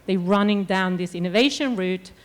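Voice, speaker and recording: A woman's voice: mid-range voice, moderate pace. Woman moderating a conference panel. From Sweden. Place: conference stage.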